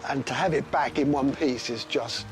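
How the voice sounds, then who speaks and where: A man's voice: mid-range voice, normal speed, over music. An older man from England, a guest talking in effusive, repetitive delight about a repaired family heirloom. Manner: effusive, repeats his delight. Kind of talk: emotional casual chat.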